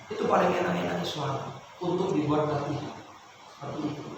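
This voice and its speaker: Brief: Javanese male recitation teacher, slightly high, tired voice, heard from afar in an echoey hall. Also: fairly even intonation. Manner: explains then chants verses slowly in melodic tones. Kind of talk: Quran recitation lesson with chanted examples. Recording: echoey hall, distant mic, noisy.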